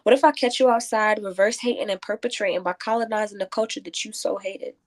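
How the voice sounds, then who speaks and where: Talking fast in a steady, mid-range voice, a woman guest moves from casual chat into rhythmic poetry. As a spoken word poet, she recites in a declamatory, rhyming manner.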